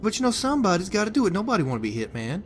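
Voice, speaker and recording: A man voicing a foul-mouthed hitman boss from a wasteland video game, rambling on with stammers and restarts. His voice sits a little high for a man and swings widely up and down. Faint noise runs behind him. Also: big pitch swings, very fast. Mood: rambling crude. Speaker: game character giving a hitman job.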